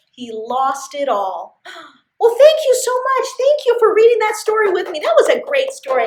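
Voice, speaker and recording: A library story time host with a high voice reads a story to young children in an expressive, sing-song way. She often asks her listeners questions, and the room sounds echoey.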